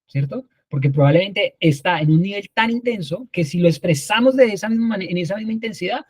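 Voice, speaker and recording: A man with a somewhat high, husky voice leads a live online class. He speaks conversationally and often pauses to ask whether his students are following. The sound is close and dry, with almost no room around it. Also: expressive, no room sound. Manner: conversational teaching, frequent check-ins with "¿listo?".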